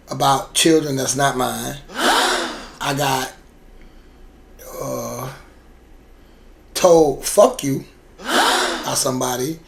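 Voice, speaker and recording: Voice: medium pitch, vocal fry. A podcast co-host in casual chat who swears freely, talks in slang and repeats words while thinking.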